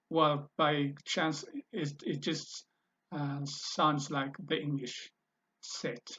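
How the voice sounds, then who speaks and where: A man's voice: fairly high pitch, fairly bright tone. A man teaching a language lesson, patiently repeating words for pronunciation. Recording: dull lo-fi recording.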